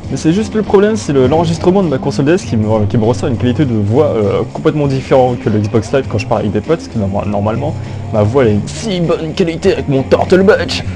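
Young man, gameplay commentary, rambling and jokey, lively pitch, game music behind. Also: quick pace. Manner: rambling and jokey, with many restarts and fillers. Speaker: gaming YouTuber. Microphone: old phone headset.

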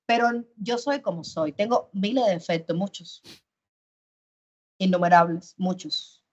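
A woman, an actress being interviewed, speaking loudly and emphatically as if arguing. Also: fairly low pitch, a little slow, slightly rough, dull audio. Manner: loud, emphatic and expressive, talks like she is arguing. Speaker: actress and guest. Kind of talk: animated interview answers.

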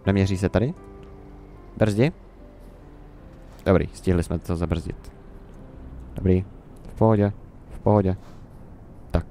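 Young Czech man, low voice, casual rambling let's-play commentary, faint music under it. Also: fairly even intonation, pauses often, dark tone. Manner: rambling, musing, talks to himself and the game.

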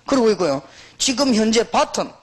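A middle-aged man, a pastor, preaching a sermon in an emphatic, exhorting manner, with animated storytelling. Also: high voice, brisk.

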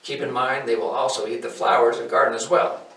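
A man in his forties, hosting a hobby farm channel, reads a scripted educational piece in a steady, informative way. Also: medium pitch, fairly quick. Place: indoors, in front of a wooden wall. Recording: roomy, somewhat distant mic.

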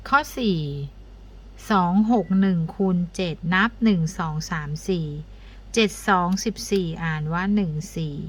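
A woman's voice: fairly low pitch, unhurried. Woman teaching abacus multiplication. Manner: counts digits aloud, asks pupils for answers. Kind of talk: step-by-step math lesson.

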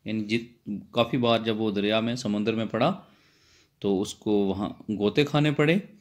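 A man's voice: on the low side, fairly even intonation, moderate pace. Man explaining Persian text line by line. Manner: reads each Persian phrase, then explains it again in simple words. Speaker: Persian lecturer.

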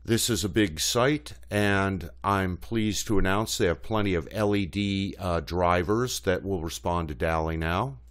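A man's voice: low voice, a little slow, few pauses, a bit bright. A man hosting a screen-recorded tutorial, talking plainly and a little hesitantly with frequent fillers as he walks through a website. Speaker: channel host.

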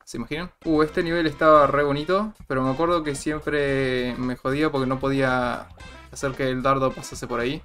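A young man with an Argentine accent giving playful, boastful gameplay commentary to his viewers, with sudden excited yells. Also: mid-range voice, fairly quick, faint music behind. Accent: Argentine Spanish. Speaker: gaming channel host.

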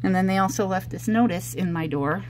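Woman vlogger, mid-range voice, aggrieved and halting casual storytelling, faint noise behind. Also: mid-range voice, a little mellow, poor audio. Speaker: vlogger telling a personal story. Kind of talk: casual personal vlog storytelling. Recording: clear background noise, handheld home recording.

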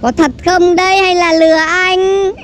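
A man playing an excitable young male demon hunter, boastful and theatrical in a comedy skit. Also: very high-pitched, unhurried, a little hiss or hum. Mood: fretful.

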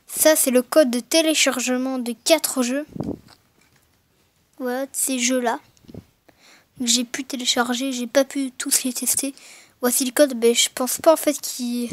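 A gaming video maker, a woman with a voice on the high side, narrates a casual unboxing through her gaming headset mic. She speaks hesitantly, full of fillers and self-corrections.

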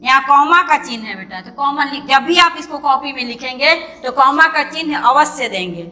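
A woman teacher with a high, bright voice, sounding out each syllable patiently for young pupils. Her voice rings with a long reverb. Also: expressive, normal speed. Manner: patient, spells words out syllable by syllable; calls the pupil "beta" fondly. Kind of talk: online class for children.

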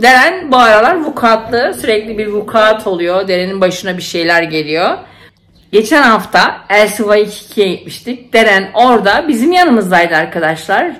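A middle-aged nurse and mother chats casually to camera at home, her voice on the high side and a bit bright. She tells stories with feeling, full of fillers.

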